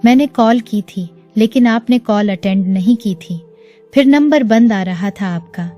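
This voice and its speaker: A woman voicing a gentle, dutiful young son. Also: mid-range voice, measured pace, close to an everyday voice. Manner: gentle, patient. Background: faint music.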